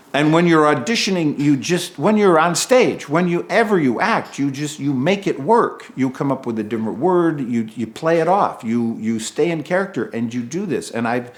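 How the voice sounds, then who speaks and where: A man, an actor, casually telling an anecdote in an interview as an animated storyteller who acts out dialogue. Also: mid-range voice.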